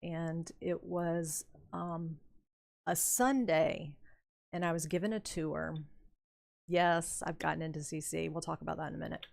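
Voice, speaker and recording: A woman's voice: low-pitched, fairly even intonation, unhurried, creaky. An older woman streamer chatting casually and telling a rambling story while she plays a game, laughing often. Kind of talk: casual chat while playing.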